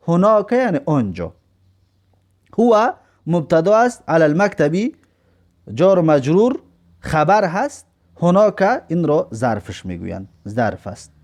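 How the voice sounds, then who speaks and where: A man teaching Arabic grammar. He draws out the example sentences slowly and then explains them briskly. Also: sits high, a little mellow. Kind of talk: recorded grammar lesson.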